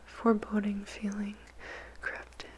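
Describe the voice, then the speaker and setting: A woman whispers a poem in ASMR style, phrasing it deliberately with dramatic pauses. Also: mid-range voice, monotone, rough recording. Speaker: ASMR performer reciting a poem. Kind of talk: whispered ASMR poetry recitation.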